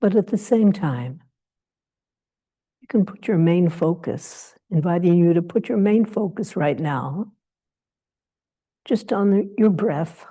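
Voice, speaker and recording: Speaking with fairly low pitch and lively intonation, a meditation teacher leads a guided session. Her phrases are brief, soft invitations, each followed by a long silence.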